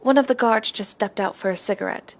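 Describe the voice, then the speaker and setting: A woman playing a calm surveillance operator who guides agents in a spy film. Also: fairly high pitch, fairly quick, lightly acted. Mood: calm, informative. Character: calm female surveillance operator guiding spies. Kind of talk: scripted dramatic acting in a spy film. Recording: faint background noise and ambience.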